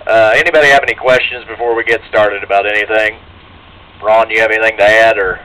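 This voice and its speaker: A man's voice: fairly low pitch, fairly even intonation, fast, bright, forceful tone. A middle-aged man, announcing as a plain-spoken, folksy auctioneer at a live sale. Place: outdoors at a tree lot, from an auction truck. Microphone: handheld PA microphone, filmed by bystander's camera. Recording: noisy outdoor PA recording.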